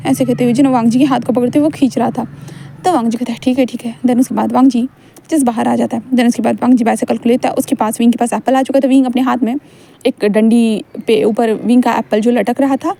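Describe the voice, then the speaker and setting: A woman's voice: a little high, steady tone, quick pace, vocal fry, dark tone. A woman narrating a fan fiction story in a loose, rambling way. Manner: rambling, with many fillers and restarts.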